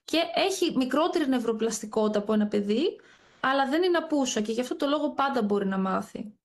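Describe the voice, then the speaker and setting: A woman's voice: high-pitched, animated. A woman neurologist as a podcast guest, explaining step by step in a precise, methodical way. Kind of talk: explanatory interview talk.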